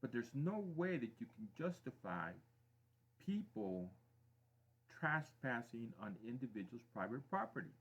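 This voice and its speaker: A middle-aged man from Mexico hosts a live stream, delivering his opinions in a slow, emphatic monologue. He leans on repeated phrases to drive each point home, with a voice of ordinary pitch for a man. The stream audio is dull and lo-fi. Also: sing-song, a bit bright, breathy edge.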